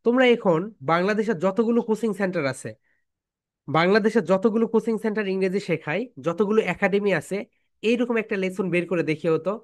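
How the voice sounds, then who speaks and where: An English pronunciation teacher whose first language is Bengali gives a spoken lesson built on call-and-response drills. Her mid-range voice keeps addressing students as "my dear soldiers" and repeats phrases for drilling.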